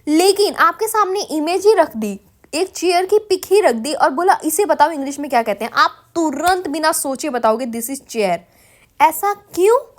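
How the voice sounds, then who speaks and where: A woman's voice: very high-pitched, lively intonation, moderate pace. A woman from India teaching spoken English in a Hindi-English mix, encouraging and addressing viewers as her children. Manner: mixes Hindi with English phrases. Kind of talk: Hindi-English mixed lesson.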